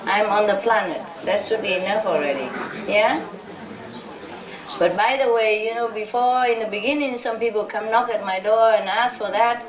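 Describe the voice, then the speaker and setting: A woman from Vietnam with a high voice gives an informal spiritual talk, chatting and telling stories with frequent "you know?" asides. She is heard from a distance in a large, reverberant hall. An audience murmurs around her. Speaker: spiritual teacher.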